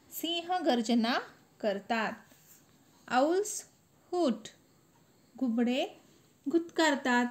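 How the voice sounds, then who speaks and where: A woman teaches a class of children. Her voice sits high, and she speaks very slowly. She stretches and lifts each word as she recites a poem. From India. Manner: slow, sing-song recitation with lifted words.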